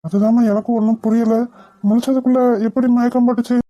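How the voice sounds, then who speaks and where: A woman voicing a calm, reassuring middle-aged husband in a cartoon. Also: on the high side, highs cut off, close to an everyday voice. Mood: calm, concerned. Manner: reassuring, measured. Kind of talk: cartoon voice acting.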